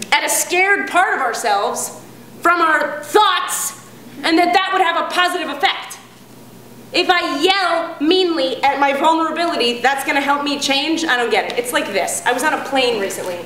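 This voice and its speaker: A woman with a fairly high voice doing stand-up, animated and sarcastic. The room rings with echo around her. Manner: animated, sarcastic, acts out characters. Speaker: stand-up comedian. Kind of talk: stand-up comedy set. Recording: echoey room, audience noise.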